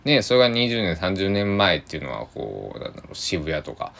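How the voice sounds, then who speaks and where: A man hosts a solo podcast in a loose, rambling way, full of hesitations, with a touch of Tosa dialect. His voice sits very low and carries a gravelly rasp. His pitch swings widely as he chats. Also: big pitch swings, a little fast, a bit bright. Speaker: podcast host.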